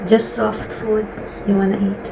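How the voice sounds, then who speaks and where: With a medium-pitched, gravelly voice and level tone at normal speed, a Filipino-accented mother coaxes and plays with her young children in a home vlog. She speaks sing-song to the kids, and the indoor recording is noisy.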